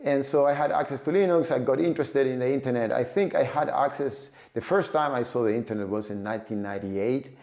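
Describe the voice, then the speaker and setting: This man, in his forties, comes from Cuba and has a Cuban accent; he works in data and AI. Casually addressing the camera about his path into tech, he uses plenty of fillers and repeats words, in a mid-range voice that's gravelly and slightly mellow.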